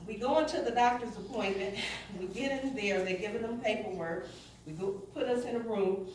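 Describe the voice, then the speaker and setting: Slightly high and a little mellow, this middle-aged woman's voice moves briskly through her personal testimony to a church. She acts out the dialogue, quoting the people in her story. Slight background noise is present, and the sound is distant and echoey in the sanctuary.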